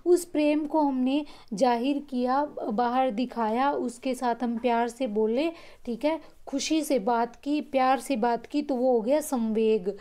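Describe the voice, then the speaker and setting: A woman's voice: high voice, a little slow, dark tone. A woman teacher giving an exam-prep lesson, restating each point in simpler words and checking in often.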